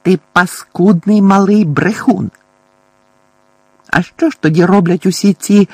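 A thin, shrill aunt played by a male audiobook narrator who scolds in a high, accusing voice. The tone is husky underneath, with a dry, close sound. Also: lively intonation, moderate pace, darkish tone, dry recording. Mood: angry. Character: shrill, scornful thin middle-aged aunt.

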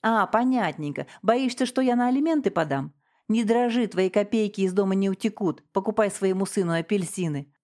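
A woman reading a story, voicing a frightened younger woman who answers defensively and breaks into shrill shouting. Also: brisk, lightly acted. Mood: shrill, angry. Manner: trembling then shrieking.

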